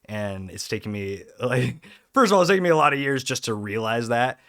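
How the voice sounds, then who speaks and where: A man's voice: mid-range voice, animated, fairly quick, a bit bright, dry recording, clean studio sound. A young man co-hosting a fitness podcast, chatting casually and joking around, now and then mimicking others in a whiny voice. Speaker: podcast co-host.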